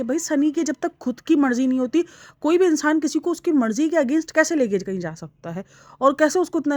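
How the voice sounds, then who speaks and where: A woman's voice: high voice, dry recording. A young woman talking casually and with strong opinions as she comments on online vlogs. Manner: opinionated, chatty, animated. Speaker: vlog commentator.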